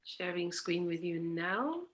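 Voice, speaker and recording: Slow-paced woman hosting an open mic. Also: lowish voice, expressive. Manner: encouraging. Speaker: host of a poetry open mic. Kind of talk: casual event hosting.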